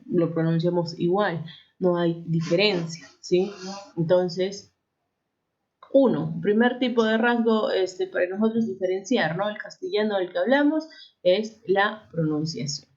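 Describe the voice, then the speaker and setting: Peruvian teacher with constant tag questions. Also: female voice, lowish voice, darkish tone, muffled recording. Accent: Peruvian Spanish, Arequipa. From Peru. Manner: frequent tag questions and self-corrections. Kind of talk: classroom lesson.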